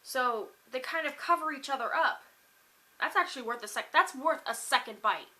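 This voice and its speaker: A young woman vlogs from her kitchen in an upbeat, rambling way, her voice bright and a little high. She trails into fillers and restarts as she talks to the camera. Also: normal speed. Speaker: food vlogger. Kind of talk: casual chatty vlog. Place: home kitchen.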